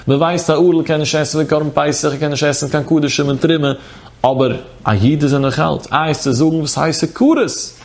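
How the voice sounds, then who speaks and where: Man, Talmudic lecture, chanting study cadence, slightly high pitch. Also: steady tone, a little fast. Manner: sing-song study chant, quoting texts. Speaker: Torah teacher.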